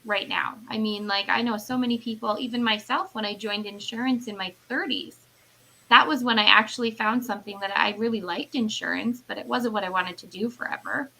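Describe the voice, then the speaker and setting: Bright-voiced woman in her thirties, earnest. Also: mid-range voice, steady tone, fairly quick, gravelly, rough recording. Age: 30s. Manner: earnest, rambling with many "like" and "you know". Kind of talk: casual chat.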